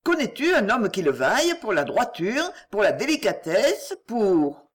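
A woman voicing an earnest, loving fifteen-year-old girl in a read-aloud novel, her pitch lifted and pleading. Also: big pitch swings, a little slow, slightly rough.

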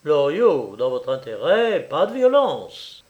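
A man's voice: a little high, huge pitch swings, takes it slowly, darkish tone, full character voice. Man voicing a magistrate, cold, curt, impatient, audiobook.

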